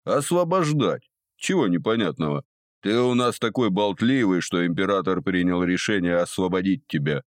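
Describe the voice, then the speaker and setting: A man voicing a gruff, mocking old male gnome jailer who scolds in a slow, drawn-out, sarcastic way. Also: deep voice, expressive, no echo, clean studio sound. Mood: scolding.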